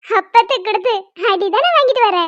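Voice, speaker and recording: A woman voicing a cheeky younger sister who teases in a drawn-out, mocking way in a cartoon. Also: very high-pitched, no room sound. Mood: teasing. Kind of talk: cartoon voice acting. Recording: dull lo-fi dry recording.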